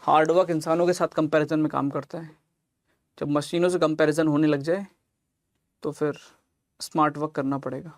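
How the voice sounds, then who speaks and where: A man's voice: fairly high pitch, fairly even intonation, normal speed, pauses often, dry recording, clean studio sound. A man teaching exam reasoning online, working through calculations step by step and fondly calling students lalla and mere lal, mixing English terms into his talk. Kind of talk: online exam coaching lesson.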